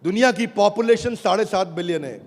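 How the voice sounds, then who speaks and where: On stage at a product launch, a man with an Indian accent speaks in a high, animated voice at a fairly quick clip. He pushes a motivational sales message hard, calling out to listeners and repeating phrases, while the large hall echoes with loud audience noise.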